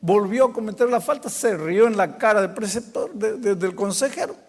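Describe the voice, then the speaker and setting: An older man from Peru, a pastor telling a story in a sermon, acting out the dialogue and dropping to a hush at emotional moments. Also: high voice, normal speed. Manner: animated storytelling, acting out quoted dialogue with hushed emotional drops. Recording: long hall reverb.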